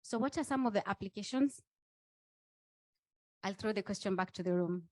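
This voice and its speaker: A woman's voice: medium pitch, normal speed, a little mellow, dry recording. A woman facilitating a training session, explaining points didactically and turning to the room.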